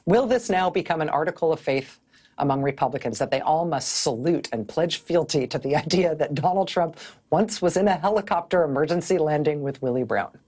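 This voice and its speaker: A middle-aged woman delivers television news commentary with a slightly husky, breathy edge. Her pitch swoops and rises animatedly as she builds her point. The tone is wry and sardonic, recorded close on a clean studio mic. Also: animated, a little fast, mellow. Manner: wry, sardonic, often laughing mid-sentence.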